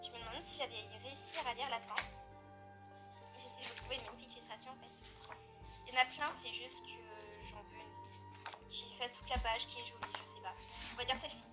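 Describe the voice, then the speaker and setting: A chatty French woman with a slightly high voice talks about her books. She rambles, fills pauses and corrects herself mid-sentence. Music plays clearly behind her. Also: fairly even intonation. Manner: chatty, rambling, with frequent fillers and self-corrections. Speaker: book vlogger. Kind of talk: casual chat.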